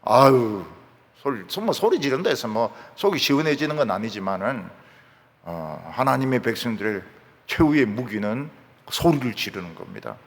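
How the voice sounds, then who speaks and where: A man pastor gives a dramatic sermon, dropping to soft asides and then rising to shouts. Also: mid-range voice, animated, moderate pace. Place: church sanctuary. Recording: reverberant church hall.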